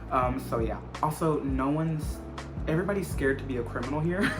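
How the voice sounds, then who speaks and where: With a voice on the high side at normal speed, a twenty-something American vlogger casually answers questions to camera. He rambles a little, often repeating phrases for emphasis, while background music plays.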